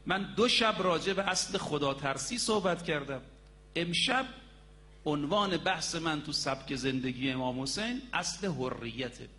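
A man with a fairly high, pushed and bright voice preaches a sermon with lively intonation, and there's a little hiss or hum in the recording. He tells stories emphatically, draws out key words, and speaks straight to his listeners.

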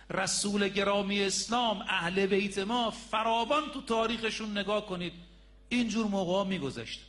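A man's voice: sits high, pushed and bright. A man preaching a sermon, telling a story and speaking emphatically to the congregation as brothers and sisters, repeating his key points.

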